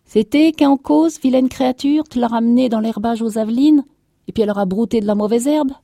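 A woman reader voicing a quick-tempered peasant farmwife who scolds loudly in rough country speech. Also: lowish voice, expressive, no echo, clean studio sound. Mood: scolding. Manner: loud rustic scolding.

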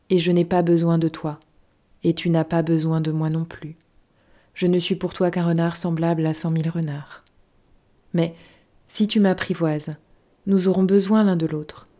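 A woman voicing a wise, gentle male fox in a storybook reading, speaking softly and reflectively. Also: on the low side, close to an everyday voice.

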